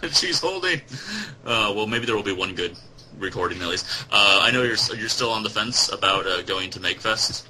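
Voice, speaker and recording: A man's voice: low voice, fairly even intonation, a little fast, pushed and bright, slight background noise, poor audio. A young man hosting a casual voice-call podcast, speaking in a laid-back way with many fillers. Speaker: podcast host. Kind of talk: casual chat over a voice call. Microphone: video call.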